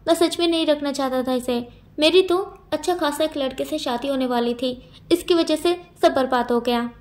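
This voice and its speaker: A cold, defiant young man in a storybook reading, curt and dismissive, brushing off every plea, as a woman puts him on. His voice comes out high for a man. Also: normal speed, darkish tone, close to an everyday voice.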